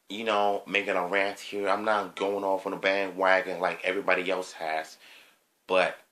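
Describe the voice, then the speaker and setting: A man giving an unscripted opinion monologue on his video channel, hesitant, with frequent pauses, ums and throat clearing. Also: sits low, pushed and bright. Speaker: vlogger.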